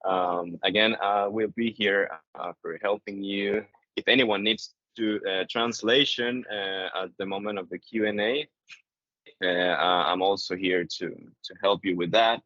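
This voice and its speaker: Low-voiced hesitant male webinar host. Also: fairly even intonation, unhurried, pushed and bright, no echo. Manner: hesitant, many "uh" fillers and repeats. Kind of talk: casual hosting. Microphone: video call. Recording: dry, slightly dull online call audio.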